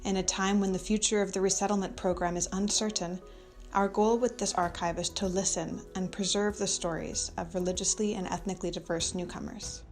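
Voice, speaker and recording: A woman's voice: medium pitch, steady tone. Woman narrator, scripted and formal, faint music under her. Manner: measured and formal. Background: faint background music.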